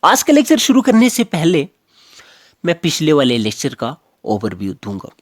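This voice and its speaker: Male teacher, animated grammar lecture, close dry sound, repeats points to drive them home. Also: a little high, moderate pace, no echo. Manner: explains step by step, repeating key phrases.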